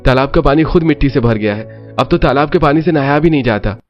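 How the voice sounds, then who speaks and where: A man's voice: medium pitch, fast talker, soft background music, lightly acted. Man playing a matter-of-fact village husband. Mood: explaining. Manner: plain, explaining. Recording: dull lo-fi audio.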